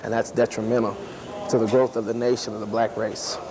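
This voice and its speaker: A man's voice: on the low side, level tone, a little fast, crowd noise, poor audio. A man giving his opinion in a street interview, preachy and emphatic, repeating his points.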